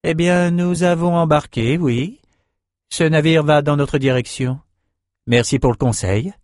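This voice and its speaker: A man reading an audiobook voices a calm, reassuring sorceress. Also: a little high, measured pace, dry recording, clean studio sound, pitched above the performer's own voice, natural voice. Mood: gentle. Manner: gentle, reassuring. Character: calm sorceress woman, gently optimistic.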